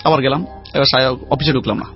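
A man telling a lively story about his life as a guest in a casual chat. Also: mid-range voice, fast talker. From Khulna region, Bangladesh. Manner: lively anecdotal storyteller, chatty. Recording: dull lo-fi sound with faint music.

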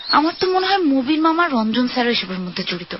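A woman's voice: sits high, very animated, quick pace, a little hiss or hum. An actress playing an outspoken, skeptical young woman in an audio drama about a mystery. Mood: insistent. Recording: muffled lo-fi, music behind.

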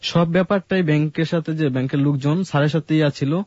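Halting man with fillers. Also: fairly high pitch, a little mellow, no echo. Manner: halting, with many fillers and restarts. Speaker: guest telling his life story. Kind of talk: casual radio conversation. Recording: dull lo-fi radio studio sound.

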